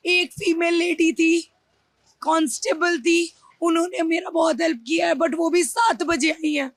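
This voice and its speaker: A woman's voice: very high-pitched, fairly even intonation, measured pace, no room sound. A young woman shopkeeper speaking as an eyewitness, tearful and distressed, her voice choked and sometimes raised. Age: young adult. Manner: distressed, raising her voice, mixing in English.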